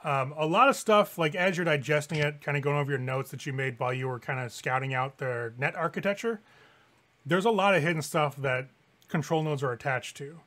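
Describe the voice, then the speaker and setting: A man's voice: fairly high pitch, brisk, fairly bright tone. A man narrating a tabletop game as game master in a casual, sweary, informal way.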